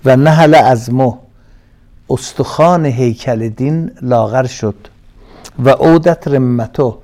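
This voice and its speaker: A man with a voice of ordinary pitch lectures on a classical religious text. He draws certain phrases out slowly and forcefully, then drops into relaxed, conversational explanation.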